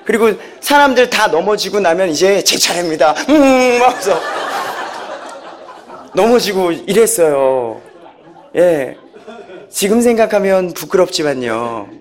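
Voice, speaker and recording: A man's voice: sits high, lively intonation, unhurried, pauses often, some chatter behind. A man giving a personal church testimony, storytelling with animation, acting out quotes and chuckling as he goes.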